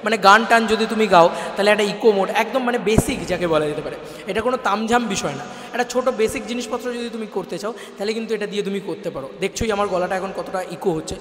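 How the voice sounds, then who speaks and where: A man's voice: high-pitched, very fast, fairly bright tone, a little hiss or hum. A man chatting casually through a wireless mic switched to its echo mode, so his voice rings with an added echo. He rambles a little and corrects himself as he explains. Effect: echo effect from a wireless mic's echo mode. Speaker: tech reviewer. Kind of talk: casual product demo. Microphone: wireless clip-on mic.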